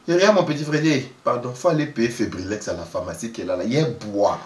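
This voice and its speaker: A man telling a story in a lively, casual way, often laughing and acting out the people he quotes. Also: mid-range voice, fast, recorded from a distance. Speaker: vlogger telling a travel story. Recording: roomy echo, voice away from the mic.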